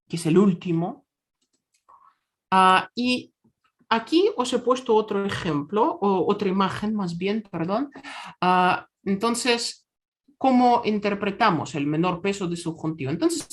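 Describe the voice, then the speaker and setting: Female teacher, mid-pitched, patient grammar explainer, online lecture delivery. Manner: explains step by step, stressing pronunciation. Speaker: Spanish teacher. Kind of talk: webinar lecture.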